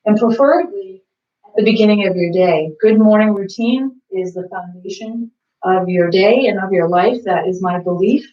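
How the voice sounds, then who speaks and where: A woman's voice: on the low side, warm tone, far from the mic. A woman co-hosting a morning workout, chatting casually and rambling with lots of fillers. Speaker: workout co-host. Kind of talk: casual chat during a workout. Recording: roomy, off-mic and dull.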